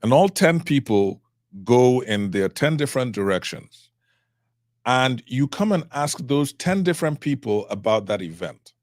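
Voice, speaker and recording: A middle-aged man from Cameroon, a trial attorney, speaking as a guest in an interview in a measured, reflective way. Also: medium pitch, sing-song, no room sound, clean studio sound. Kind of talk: interview conversation.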